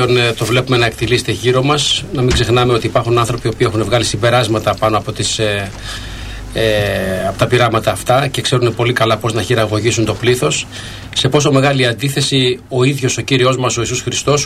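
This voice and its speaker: A male radio host speaking into a studio microphone in a measured, preacherly manner. He pauses often on drawn-out fillers as he addresses his listeners, and his voice sits at an ordinary male pitch with a faint hiss behind it. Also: a bit bright. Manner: measured, preacherly, with frequent hesitations. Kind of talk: religious radio talk.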